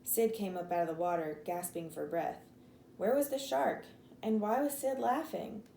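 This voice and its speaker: Woman, teacher, reading aloud to a class, expressive voices for characters, echoey room, faint hiss. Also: mid-range voice, normal speed, gravelly.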